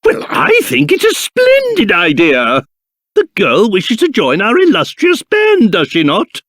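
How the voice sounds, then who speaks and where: An actor with a British accent playing a pompous, excitable old king in a video game, theatrical and blustering, with old-fashioned posh phrasing. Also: high-pitched, unhurried, dry recording, studio quality, exaggerated voice. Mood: jolly, eager. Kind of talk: video game character voice acting.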